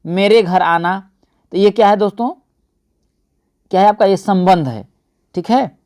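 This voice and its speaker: A man's voice: high voice, unhurried, darkish tone. A man teaching an exam-prep lesson, often asking and answering his own questions and calling his viewers friends.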